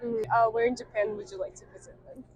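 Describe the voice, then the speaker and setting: A woman interviewing tourists on the street, asking short questions in a soft, gentle way. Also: on the high side, fairly even intonation, quick pace, slightly rough, no echo, poor audio. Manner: soft-spoken, brief prompting questions.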